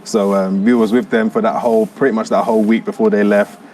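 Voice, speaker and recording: A man answering interview questions in an earnest, measured way, with frequent fillers. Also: on the low side, little pitch movement, darkish tone. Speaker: interview guest. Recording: distant mic with background noise.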